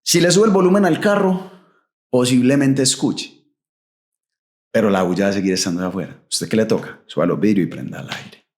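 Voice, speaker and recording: A man's voice: fairly low pitch, a little fast, a little mellow. A young adult man with a Colombian Paisa accent, telling his story as a podcast guest, vivid and full of local slang. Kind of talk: animated testimony.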